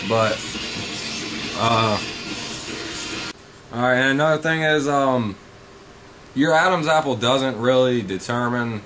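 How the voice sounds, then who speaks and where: A man giving a casual, informal vocal tutorial as a coach, rambling and blunt with frequent swearing. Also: medium pitch.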